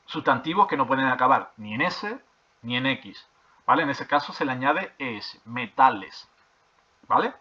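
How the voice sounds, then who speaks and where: A male teacher explains grammar rules to his class, repeating each point and checking in after almost every sentence. His voice sits at an ordinary middle pitch. The recording sounds slightly dull and lo-fi. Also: pushed and bright. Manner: repeats points, checks with frequent "¿vale?" and "¿de acuerdo?"; hesitant with fillers and restarts while reading from a textbook. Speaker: primary school teacher.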